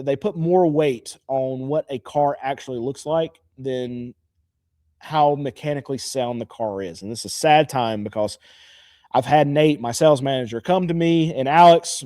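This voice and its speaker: A man's voice: mid-range voice, dark tone, dry recording, studio quality. A man who runs a used car lot, chatting casually and grumbling in a mock-sad way, with lots of restarts. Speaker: used car dealer and channel host. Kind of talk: casual chat to camera.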